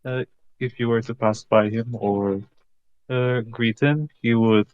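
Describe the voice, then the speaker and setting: A man playing a tabletop game, describing his character in halting narration. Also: medium pitch, fairly even intonation, no echo, narrow, tinny audio. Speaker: player.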